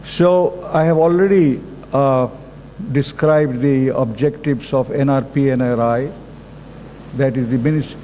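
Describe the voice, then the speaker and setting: Older Bangladeshi-accented male speaker, measured formal address, mellow tone, echoey hall. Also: mid-range voice, steady tone. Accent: Bangladeshi English. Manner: slow, deliberate, halting delivery with pauses. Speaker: conference speaker. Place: conference hall. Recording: echoey hall with faint background noise.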